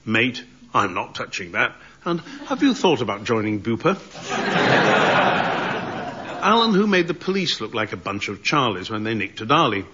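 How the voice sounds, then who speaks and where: A man's voice: medium pitch, big pitch swings, normal speed, very noisy. A man hosting a comedy quiz, reading odd news stories in a dry, precise way. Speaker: quiz show host. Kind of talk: dry comic news delivery. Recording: dull broadcast audio, studio audience.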